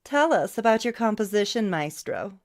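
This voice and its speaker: Woman voicing a female talk show host, gushing, eager, slightly higher, audiobook. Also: big pitch swings, moderate pace, a little mellow.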